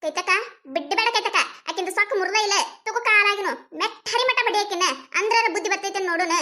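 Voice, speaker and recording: A woman with a North Karnataka Kannada accent voicing a loud, quarrelsome village wife in a cartoon comedy, scolding, mocking and wailing. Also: very high voice, fast.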